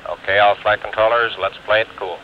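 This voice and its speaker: A man as a flight controller giving terse, calm, procedural callouts over an archival space mission radio loop. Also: lowish voice, fairly quick. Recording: muffled 1960s radio audio with faint hiss.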